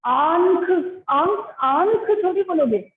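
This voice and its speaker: A woman's voice: sits high, measured pace. A woman teacher giving an online class, explaining patiently, asking her pupils questions and calling them "beta". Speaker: Hindi teacher. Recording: echoey, phone-like online class audio.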